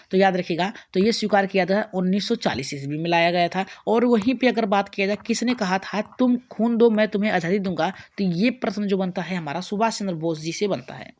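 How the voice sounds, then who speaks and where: A woman teacher with a Bihari Hindi accent, running an exam-prep lesson as rapid question-and-answer drills, often restarting her words. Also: medium pitch.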